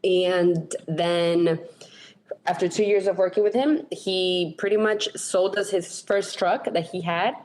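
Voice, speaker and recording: A woman's voice: on the low side, takes it slowly, a little mellow, slight background noise, low-quality recording. A woman from Latin America in her thirties or forties, a business co-owner chatting in a podcast interview, laughing easily and correcting herself as she goes. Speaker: co-owner, operations manager.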